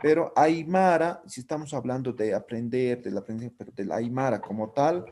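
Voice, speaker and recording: A man's voice: medium pitch, normal speed, dark tone, a little hiss or hum. A man teaching a language class who explains patiently and keeps checking that students follow with short tag questions. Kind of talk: live online class.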